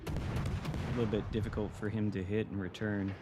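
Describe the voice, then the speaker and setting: His voice lowish and nearly flat at normal speed, a Michigan-accented American man offers dry, casual, sometimes profane commentary while streaming a game. The recording is very noisy with artillery and gunfire from the game.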